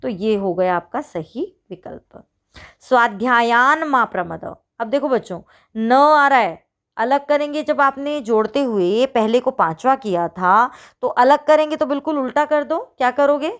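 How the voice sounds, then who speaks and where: A woman teacher with a fairly high voice works through a worksheet aloud for her students. She keeps asking them a question and then answering it herself. She slows right down to spell out each example. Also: lively intonation. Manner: talks to pupils as children, asks and answers her own questions; stretches out each example slowly. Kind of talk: online worksheet walkthrough.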